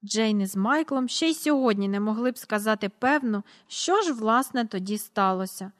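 A woman reading a storybook aloud in a steady voice, announcing the page numbers as she goes. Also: a little high, normal speed. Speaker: reader.

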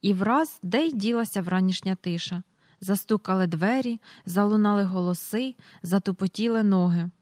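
Woman narrator, calm storybook reading, dry close mic. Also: mid-range voice, moderate pace, dry recording. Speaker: audiobook reader.

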